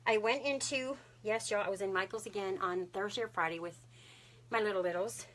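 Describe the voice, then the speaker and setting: A woman with a Texan accent hosting a craft livestream from her home, chatting casually with viewers, bubbly and quick to laugh. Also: mid-range voice, fairly bright tone, a little hiss or hum. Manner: chatty and bubbly, saying y'all often and laughing a lot. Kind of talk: casual live-stream chat with viewers.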